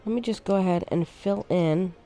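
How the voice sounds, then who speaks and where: A woman streaming a city-building game, casually thinking aloud as she plays and sounding a little sleepy. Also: mid-range voice. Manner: relaxed, thinking aloud, unhurried. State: sleepy, yawning. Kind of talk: casual gameplay commentary.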